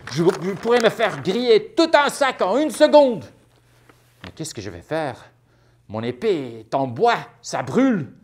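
A woman playing an excitable little girl knight. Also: fairly low pitch. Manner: animated, exclamatory, talks to the children. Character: young girl knight-errant, brave and excitable. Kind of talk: theatrical children's storytime. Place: live storytime stage.

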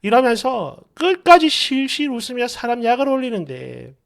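A woman's voice: a little high, sing-song, moderate pace, vocal fry. A woman reading a dramatized online story in an exasperated, gossipy manner. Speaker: story narrator.

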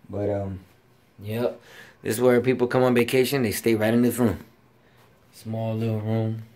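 A young man with a lowish, somewhat dark voice walks room to room inside a house, filming on a handheld phone. His tour is loose and casual, full of slang and swearing.

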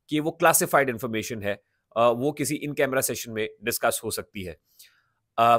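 A man in his thirties with a Pakistani accent delivers emphatic political commentary to camera, restating his points and slipping in English words. His mid-range voice is captured dry and at studio quality by a large studio microphone close in front of him in a small home studio.

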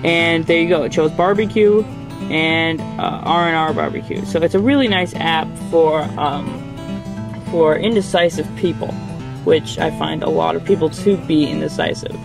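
A young adult tech reviewer shows off phone apps from inside a car in a casual demo vlog, rambling with lots of fillers. His fairly high voice has vocal fry and a moderate pace, with music playing in the background.

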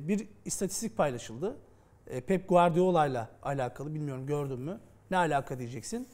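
A man hosting a football studio show, friendly and quick to laugh, presenting statistics and photos. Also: on the high side, darkish tone. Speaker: sports show host.

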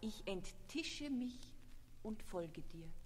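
A woman voicing a sympathetic talking kitchen table with slow, hushed speech in a storybook tale. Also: mid-range voice, expressive, in a large hall, background noise.

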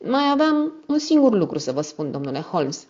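A woman's voice: medium pitch, very animated, a little mellow, muffled recording, voice pushed up. A woman voicing an anxious, apologetic young male secretary who speaks earnestly and with worry.

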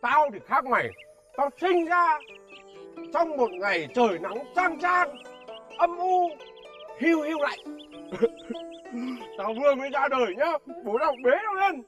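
An actor playing a naive, slow-witted young village student who talks in a puzzled, sing-song way, with faint music behind. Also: male voice, very high voice, very animated, fairly bright tone, heavily acted. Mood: storytelling.

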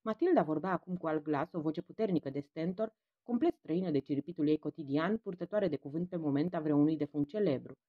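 Expressive woman reading an audiobook. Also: sits low, no echo, narrow, tinny audio. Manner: expressive, voicing each character in turn. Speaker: audiobook reader. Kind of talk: audiobook narration with character voices.

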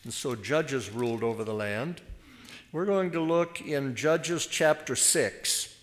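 Slow-spoken older man preaching. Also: mid-range voice. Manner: conversational and wry, with self-deprecating asides. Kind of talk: sermon with scripture reading. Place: church.

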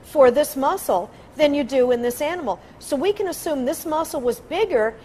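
A woman explaining as an expert in a nature documentary, with measured, deliberate phrasing. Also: sits high, expressive, warm tone. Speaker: paleontologist interviewee. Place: indoor laboratory. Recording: faint room ambience noise.

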